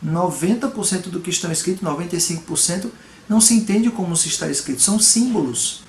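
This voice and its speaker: A Brazilian pastor preaches a home video sermon with earnest, emphatic delivery, often posing rhetorical questions. His voice sits a bit high for a man. The room is echoey, with faint noise behind. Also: quick pace. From Salvador, Brazil.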